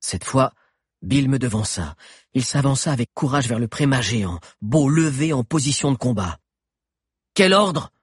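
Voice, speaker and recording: A man narrating a story in the first person, steady and dramatic. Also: mid-range voice, normal speed, breathy edge, no room sound, clean studio sound. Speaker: audiobook narrator.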